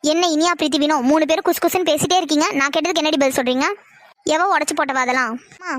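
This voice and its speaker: A woman voicing a mother and her daughters in a cartoon, in rapid, scolding family arguments. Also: high voice, steady tone, no room sound. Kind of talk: cartoon dialogue.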